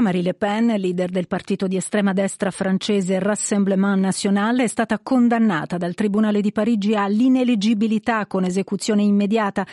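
A woman anchoring a radio news bulletin in a measured, formal delivery from a studio. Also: mid-range voice, warm tone, no room sound.

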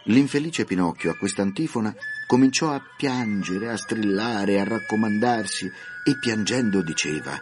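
A man narrating a story for radio with an expressive, theatrical reading. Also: lowish voice, moderate pace, hardly any pauses, music in the background.

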